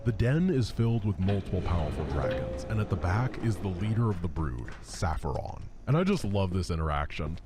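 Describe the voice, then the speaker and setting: A man narrating a video game playthrough from a script with wry, deadpan humour. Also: sits low, a little fast, few pauses. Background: clear music.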